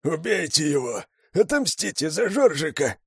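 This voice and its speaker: A man's voice: on the high side, sing-song, takes it slowly, husky, no room sound, clean studio sound, voice pushed up, exaggerated voice. A man voicing a drunken grey-haired man with an iron arm, bellowing tearfully. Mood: drunken vengeful.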